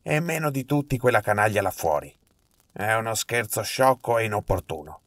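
A man voicing a nervous, miserly old male collector, fussy and quick to protest. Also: on the low side, animated, a bit bright, no room sound. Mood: peevish.

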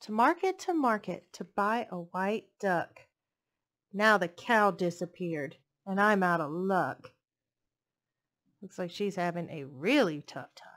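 Through a headset mic in a living room, a librarian in her thirties performs an expressive picture-book read-aloud for children in a playful sing-song style. Her voice is medium in pitch and a bit bright.

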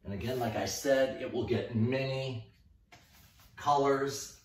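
A middle-aged man with a mid-range voice gives a casual painting tutorial as a mural painter, working at a wall in an indoor room. He's relaxed and halting, thinking aloud as he goes. The room is echoey, the mic distant, with faint noise.

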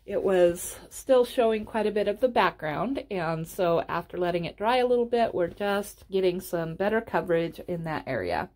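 A woman's voice: lowish voice, animated, moderate pace, few pauses, darkish tone. A woman giving a casual instructional voice-over as a tutorial host, explaining step by step in an encouraging way.

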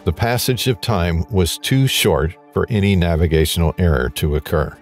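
Deep-voiced man narrating over soft music. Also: expressive, moderate pace. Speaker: documentary narrator.

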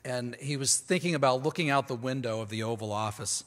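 A man addresses a conference audience from a podium microphone, his voice at a middling pitch with a long reverb trailing behind it. He speaks with emphasis, doubles words as he restarts, and breaks off to put questions to the room. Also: fairly quick, fairly bright tone. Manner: emphatic, often repeats words when restarting; talks directly to the audience with asides. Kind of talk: conference lecture. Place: large conference hall.

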